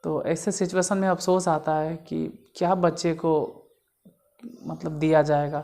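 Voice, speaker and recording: Lady teaching english grammar, lowish voice, says stuff over and over. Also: flat delivery, measured pace, vocal fry, dark tone. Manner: explains step by step, repeats examples. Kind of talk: casual classroom lesson.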